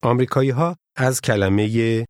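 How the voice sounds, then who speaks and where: A man narrating a scripted language lesson in a measured, formal teaching manner. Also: medium pitch, no room sound, studio quality.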